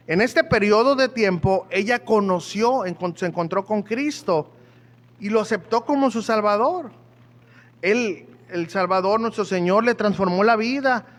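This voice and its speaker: A man's voice: high-pitched, a bit bright. A man preaching a sermon in a chatty, joking way, often asking his listeners questions. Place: church hall. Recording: echoey church hall.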